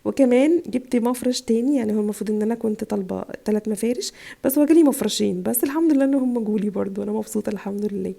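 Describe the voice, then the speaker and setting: A woman's voice: fairly high pitch, rapid-fire, vocal fry, dark tone. A woman with an Egyptian Arabic accent, chatting casually and gushing as she shows her shopping haul, her voice tired from a chest cold. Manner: chatty, gushing over items. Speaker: vlogger, mother. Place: home in Italy.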